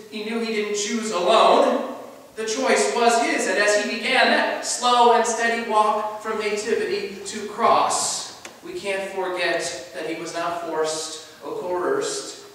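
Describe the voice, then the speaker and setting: Guy preaching, kinda high bright voice, big echoey church, mic far off with faint hiss. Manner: measured preaching, rising on key phrases and dropping soft at line ends. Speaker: pastor. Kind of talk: sermon. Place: large church sanctuary.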